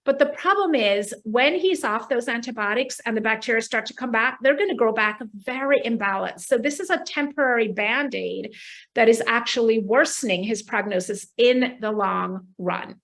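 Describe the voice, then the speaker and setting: A woman gastroenterologist answering viewer questions on a live video stream, explaining medical terms in an animated, friendly way. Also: on the high side, moderate pace. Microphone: video call.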